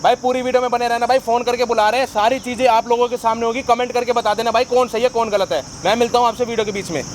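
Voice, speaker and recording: A man's voice: very high voice, steady tone, very fast, background noise. A man hosting a staged confrontation video, threatening and lecturing in turn, then addressing viewers. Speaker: host.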